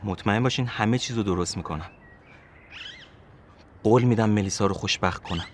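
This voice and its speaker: An actor playing an earnest, overly polite young fiancé who speaks formally. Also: male voice, lowish voice, a little hiss or hum, natural voice.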